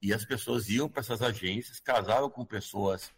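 A man's voice: on the low side, moderate pace, husky. A man with a Brazilian Portuguese accent explaining things as a guest expert in an interview, often checking for agreement in a conversational way.

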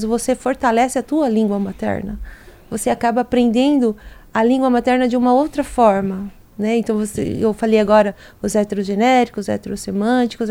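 Mellow-voiced woman explaining languages. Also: a little high. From Brazil. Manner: explanatory, walks through word examples. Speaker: guest, language educator. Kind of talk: interview talk.

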